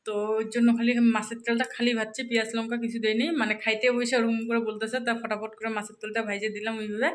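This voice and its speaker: A woman's voice: fairly high pitch, flat delivery, fast. A woman in her thirties with a colloquial North Bengal Bengali accent, chatting to viewers about cooking and housework at home. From North Bengal, India. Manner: chatty, talks to viewers directly; speaks softly at times so a sleeping child stays asleep. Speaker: home vlogger, mother. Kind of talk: casual narration of chores. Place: home kitchen and rooms, indoors.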